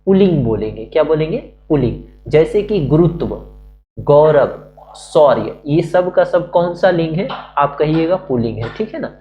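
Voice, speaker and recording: A man's voice: a little high, expressive, normal speed. A male teacher giving a classroom-style grammar lesson, asking questions and answering them himself, repeating the key words. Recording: muffled recording with faint hum.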